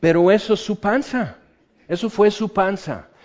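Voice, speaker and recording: A middle-aged man preaching a sermon, animated and humorous, swinging between loud and quiet. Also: sits high, unhurried. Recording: slightly dull lo-fi sound.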